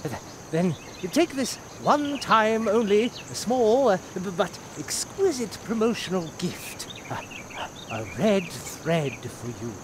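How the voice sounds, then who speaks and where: An old travelling mouse merchant from a video game. He sells with grand, hammy theatrical flourishes and stammers, his pitch leaping about. Clear insect ambience sits behind him. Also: sing-song, slow, background noise, exaggerated voice. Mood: coaxing. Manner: theatrical hammy stage-actor delivery, stammering sales patter. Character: hammy elderly male mouse travelling merchant, fawning salesman. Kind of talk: video game character acting.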